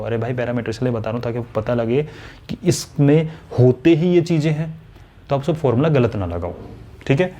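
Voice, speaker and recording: Mellow-voiced male maths teacher. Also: mid-range voice. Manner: conversational, addresses students directly, voices their questions. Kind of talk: classroom lesson explanation.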